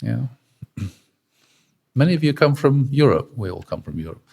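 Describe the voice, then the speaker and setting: An older man, giving a sermon in a conversational, halting way and often clearing his throat. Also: mid-range voice, big pitch swings, darkish tone. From Britain. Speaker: preacher.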